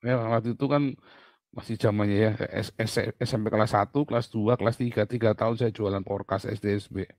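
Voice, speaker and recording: A man preaching a sermon, telling family stories in an animated, chatty way with laughs and asides. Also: fairly low pitch, brisk, no room sound, studio quality. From Indonesia.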